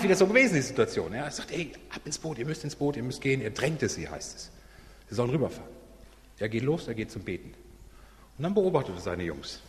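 Animated male preacher in echoing hall. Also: mid-range voice. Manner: animated, acts out quotes in casual voices. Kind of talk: lively sermon retelling a Bible story. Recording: long hall reverb.

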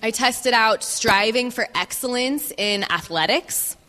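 A woman giving a personal testimony as a guest speaker, speaking in measured phrases and pausing for an interpreter. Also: a little high, bright, forceful tone. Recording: reverberant hall.

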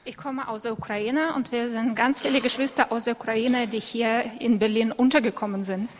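Interpreting a sermon live one phrase at a time, a woman with a fairly high voice speaks with fairly even intonation, a little haltingly and with small self-corrections. The church hall's long reverb is audible, along with a little hiss or hum.

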